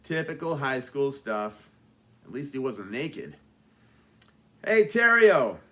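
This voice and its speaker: A man, the author, reading his own book aloud with dry, deadpan asides. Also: medium pitch, unhurried. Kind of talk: audiobook narration.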